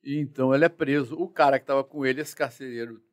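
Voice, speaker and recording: Animated man telling police stories. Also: medium pitch, fast. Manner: animated, slangy and profane, acts out dialogue. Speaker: interview guest, former police chief. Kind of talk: casual storytelling interview.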